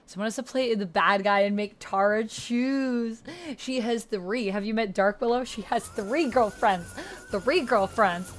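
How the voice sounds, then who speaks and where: Her voice is medium-pitched and her pace measured as this woman hosts a text-based roleplay. She chats casually and expressively, slipping into slang and informal talk while playing along with the typed story.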